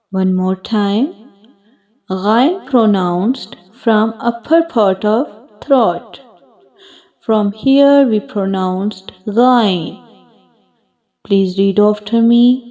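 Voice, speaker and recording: Very slow-speaking woman teaching letters. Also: fairly high pitch, warm tone, highs cut off. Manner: slow, deliberate, repeats each sound for pupils. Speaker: Quran teacher. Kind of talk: slow children's alphabet lesson.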